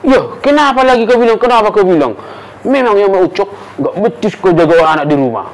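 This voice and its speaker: An actor playing a hot-tempered father with a Batak accent, who scolds loudly and later turns meek and apologetic. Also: high-pitched, expressive, fast, low-quality recording. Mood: angry. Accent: Batak Indonesian. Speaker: father of the household. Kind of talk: amateur family drama acting.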